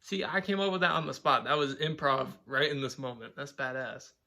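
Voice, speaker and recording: A man's voice: medium pitch, brisk, vocal fry, pushed and bright. A young man talking to camera at home in a casual vlog monologue, rambling, swearing often and leaning on "like". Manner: rambling, profane, filler-heavy with "like". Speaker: vlogger.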